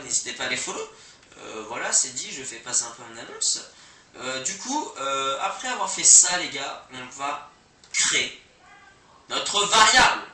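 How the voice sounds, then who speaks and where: A man's voice: a little high, bright, forceful tone, slight background noise. A young man giving a casual, rambling coding lesson with slang and fillers, recorded on a poor microphone. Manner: slangy, rambling, self-deprecating, many fillers. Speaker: coding tutorial host. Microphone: cheap microphone. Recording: poor mic, echoey room, distant.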